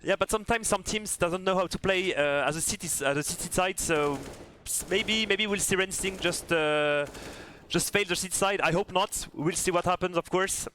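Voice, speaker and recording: Brief: higher-voiced male co-caster, easygoing, explains the teams' choices between plays. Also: moderate pace, sharp tone, a little hiss or hum. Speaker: esports co-caster. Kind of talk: esports color commentary.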